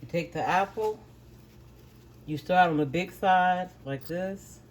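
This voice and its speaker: A woman's voice: lowish voice, slow pace. A middle-aged woman hosting a home cooking video, firmly telling her dogs to stop barking and then explaining each step plainly. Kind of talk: casual cooking demonstration. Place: home kitchen with dogs nearby.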